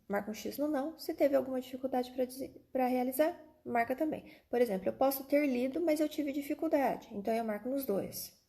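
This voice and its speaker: A woman's voice: fairly high pitch, gravelly, mellow. A Brazilian woman teacher giving an online lesson to children, explaining step by step and often checking that they follow. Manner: addresses children directly with frequent checking tags and diminutives. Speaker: primary school teacher.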